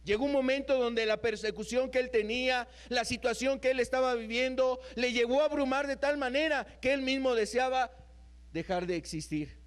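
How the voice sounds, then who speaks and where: A male preacher with a high voice delivers an earnest Bible study sermon. He repeats phrases for weight and often sinks into a soft, low, subdued tone on key lines. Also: normal speed, smooth.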